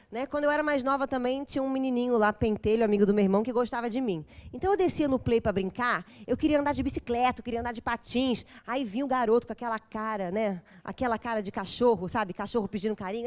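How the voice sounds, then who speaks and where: A woman giving an intense, dramatic talk at a parents' course, quizzing her audience as she goes. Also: on the high side. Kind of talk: lecture to a live group.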